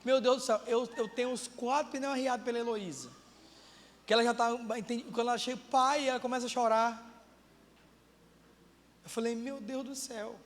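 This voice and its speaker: A male pastor preaching a sermon with passion, moving from quiet talk to shouted prayer. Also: very high-pitched, fairly even intonation, a little fast, pauses often, in a large hall, slight background noise. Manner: impassioned, swings from quiet to shouting. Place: church.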